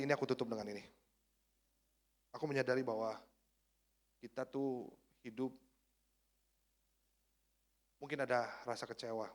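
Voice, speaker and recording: A man preaching a sermon as a pastor, energetic and swinging between hushed and shouted lines. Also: mid-range voice.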